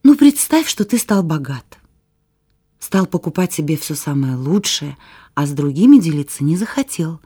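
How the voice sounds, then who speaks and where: A woman explains things patiently to a child in a children's Bible program. Her voice is fairly low and mellow, with a husky, breathy grain. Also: very animated, moderate pace.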